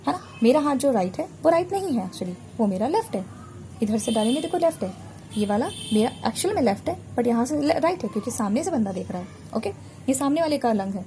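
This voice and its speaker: A woman with a fairly high but mellow, warm voice runs a biology revision lesson. She draws as she talks and patiently repeats each key term to drill simple memory tricks. A faint hiss sits behind her. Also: very animated, fast. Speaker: biology teacher. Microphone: recorded while drawing a diagram on a board.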